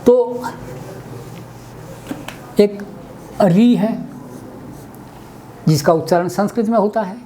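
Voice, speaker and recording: A man giving a webinar lesson on pronunciation, spelling out letters one by one as he writes them and explaining each step deliberately. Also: sits high, warm tone, a little hiss or hum. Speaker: Hindi language teacher.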